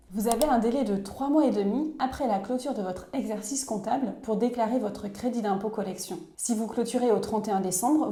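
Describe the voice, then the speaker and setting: A woman reading a scripted voice-over explainer in a clear, measured, instructive way. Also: fairly high pitch, dark tone, roomy sound. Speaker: narrator of a tax explainer video.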